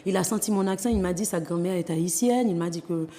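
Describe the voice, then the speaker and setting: This is a Haitian-accented guest author in her thirties giving interview testimony, earnest and full of hesitations. She talks fairly quickly in a mellow voice on the low side, with a long reverb tail in the recording.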